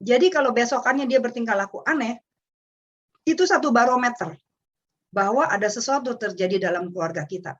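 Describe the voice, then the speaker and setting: Brief: middle-aged Indonesian woman, lively storyteller, slightly dull webinar audio. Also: on the high side, brisk. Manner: chatty, animated storytelling with acted quotes. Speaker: webinar speaker on parenting. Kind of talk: casual talk. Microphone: webinar microphone.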